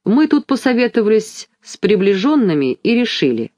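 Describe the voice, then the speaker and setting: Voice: mid-range voice, very animated, moderate pace, no echo, voice pushed up, natural voice. A reader voicing a short-tempered, pompous old king from a storybook who barks out proclamations, with a dry sound. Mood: pompous, decreeing. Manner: loud, barking proclamations.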